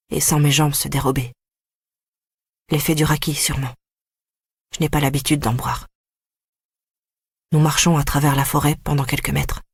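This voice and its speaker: A grave audiobook narrator telling a dark story in the first person. The voice is husky and sits close to the mic, with a dry sound and no room around it. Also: medium pitch, no room sound. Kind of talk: scripted narration.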